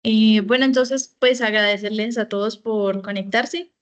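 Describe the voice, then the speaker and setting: A woman's voice: mid-range voice, steady tone, a little slow. A woman giving an online training session, explaining step by step with fillers and self-corrections.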